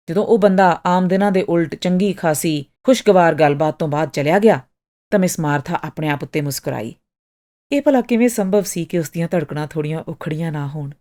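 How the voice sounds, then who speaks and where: A woman narrating a short story in an expressive, dramatic storytelling manner. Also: low-pitched.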